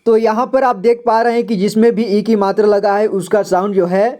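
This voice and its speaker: A man teaching a reading lesson, sounding out syllables slowly, repeating each word and quizzing the listener. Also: high-pitched, level tone, warm tone. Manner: patient, repeats words, quizzes the viewer. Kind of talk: slow classroom-style reading lesson.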